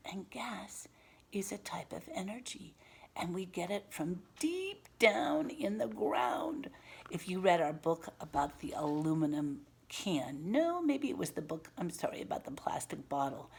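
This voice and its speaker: In a low, gravelly voice, a female teacher reads a picture book to young children. She pauses now and then to explain words and pose simple questions, teaching as she goes.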